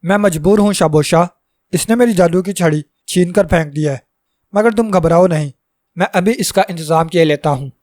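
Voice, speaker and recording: A wrathful little bald dwarf priest, voiced by a male storyteller, screaming his threats in a fairly high tone. The recording is close and dry, with no room around it. It plays out as a storybook reading. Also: a little mellow, dry recording, natural voice. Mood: frantic. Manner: screams in anger.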